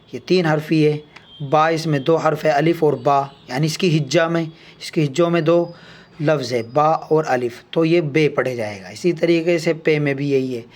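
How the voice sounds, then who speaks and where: A young adult man teaching an alphabet lesson, reciting letters one by one and explaining each slowly and deliberately. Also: on the high side. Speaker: Urdu teacher.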